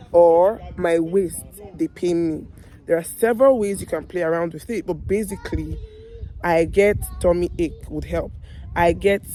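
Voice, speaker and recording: A Nigerian video host gives a language lesson while hoarse and losing her voice, speaking directly to her viewers. Her voice is warm and on the low side as she slowly repeats example phrases. The low-quality recording carries slight background noise.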